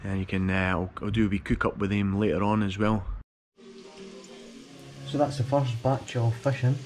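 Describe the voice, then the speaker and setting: A young man with a New Zealand accent talks casually in a home kitchen, relaxed and chatty, often repeating a word as he goes. It is a home video caught on an action camera, with a steady background hum. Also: fairly low pitch, normal speed, poor audio. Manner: relaxed, chatty, repeats words while explaining. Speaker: vlogger. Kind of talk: casual cooking walkthrough.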